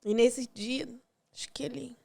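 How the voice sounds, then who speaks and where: Her voice is a little high and gravelly, steady in tone and measured in pace. As a podcast guest, she tearfully shares a painful story from her own life, re-enacting conversations in quoted dialogue while her voice quietly breaks.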